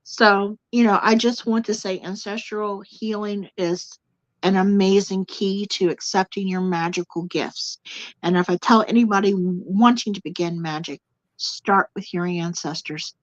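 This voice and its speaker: A woman with a medium-pitched, fairly even voice talks animatedly as a guest in a casual spiritual chat, repeating words for emphasis and addressing viewers directly. She speaks at a measured pace, and the recording is dull, lo-fi and dry with no room sound.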